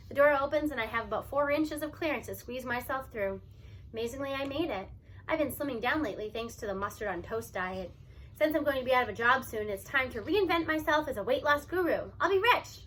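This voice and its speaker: Reading a story aloud in the first person, a woman speaks in a high voice with a bright, forward edge. Her storytelling is expressive and animated, with stress placed on key words.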